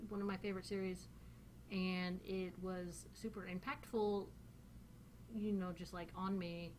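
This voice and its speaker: Over poor audio with a bit of hiss or hum, a woman with a mid-range voice answers a dialect questionnaire. This native-English-speaking vlogger has a central Northern Californian accent and keeps it casual, rambling with plenty of filler words.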